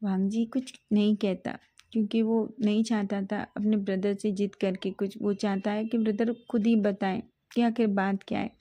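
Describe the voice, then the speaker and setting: A woman reads a romance story aloud in a relaxed, conversational way. Her voice is mellow and warm, and she backs up to correct names and words as she goes. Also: mid-range voice, moderate pace. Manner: casual, with self-corrections. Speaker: story reader. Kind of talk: fan-fiction storytelling narration.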